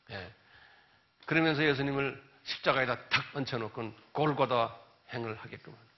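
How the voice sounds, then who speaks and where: A male pastor delivers a sermon in a fairly high voice, retelling the story with vivid, animated delivery and sudden loud outbursts for the characters. The recording is muffled and lo-fi. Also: vocal fry. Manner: animated storytelling, acting out biblical voices loudly. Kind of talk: sermon lecture. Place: church or seminar hall. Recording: dull lo-fi recording.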